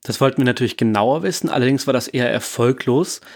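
A man's voice: medium pitch, quick pace. A man co-hosts a true-crime podcast with a mid-range voice. He reads his part of the script in a plain, matter-of-fact way. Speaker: podcast co-host.

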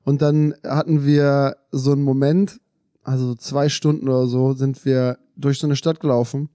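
A man in a casual podcast chat who tells stories in an animated way and rushes through phrases. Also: medium pitch, no echo, clean studio sound. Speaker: podcast co-host.

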